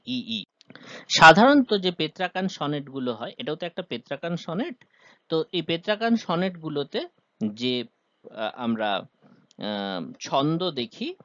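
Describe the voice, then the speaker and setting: A man's voice: a little high, a bit bright, no echo, dull audio. A man teaching a poem's rhyme scheme and meter, explaining step by step with frequent "ah" hesitations. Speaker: literature teacher.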